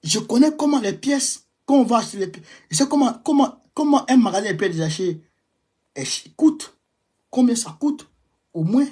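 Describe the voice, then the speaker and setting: Ivorian guy going off in a heated rant, husky voice, says stuff twice, gets loud then mutters. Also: expressive, moderate pace. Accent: Ivorian French. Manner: emphatic and repetitive, veering between raised outbursts and low muttering. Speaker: political commentator. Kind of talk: impassioned monologue.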